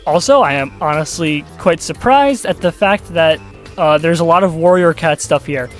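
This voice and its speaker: This man, a YouTube commentator, has a rather high voice and talks at a normal pace. His casual commentary is rambling and sarcastic, laced with swearing, over faint background music.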